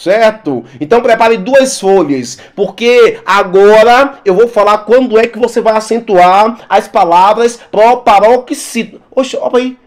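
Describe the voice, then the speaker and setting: A male teacher giving a lively exam-prep lesson, repeating words for emphasis and talking straight to his students. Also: high-pitched, a little slow, hardly any pauses.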